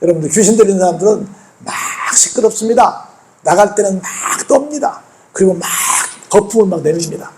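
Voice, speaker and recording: A man's voice: sits high, animated, fairly quick, mellow. A male pastor preaching a sermon in church, telling the story conversationally and peppering the congregation with rhetorical questions.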